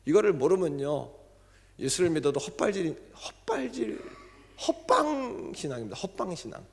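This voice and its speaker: A middle-aged male pastor preaching a fervent sermon at a Friday prayer meeting, shouting out to the congregation and acting out the voices he quotes. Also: high voice, sing-song, normal speed, gravelly. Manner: acts out quoted voices for the crowd. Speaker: guest pastor. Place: church sanctuary. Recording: long church hall reverb.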